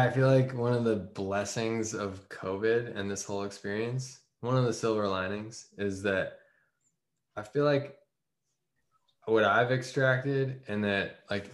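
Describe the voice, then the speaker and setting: A man hosting a podcast in casual interview chat, musing in a relaxed way and swearing casually. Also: on the low side. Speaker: podcast host. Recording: roomy echoey sound.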